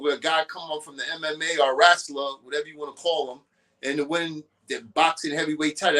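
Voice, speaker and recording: Appearing as a guest on a boxing program, a talkative man with a rather high voice rolls loosely through his opinions, one topic leading to the next. His tone is bright and forceful, though the audio quality is poor.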